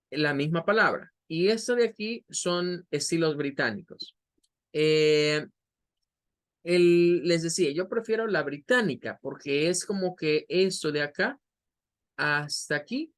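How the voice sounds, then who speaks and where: A man with a Latin American Spanish accent, teaching an English class and slowly repeating words to model their pronunciation. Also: on the high side. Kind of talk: online class explanation.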